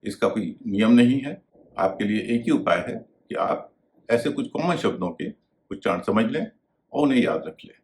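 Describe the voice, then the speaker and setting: Man, low register, patient instructional pronunciation lesson. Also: lively intonation, normal speed, slight background noise. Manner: explanatory, spells out letters and contrasts word pairs. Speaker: English teacher.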